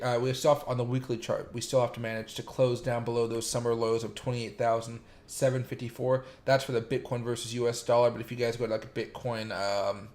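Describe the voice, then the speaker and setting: A male crypto streamer chats casually, full of filler words, greeting viewers in chat by name. His mid-range voice is a little mellow but also slightly raspy and sore after days of streaming.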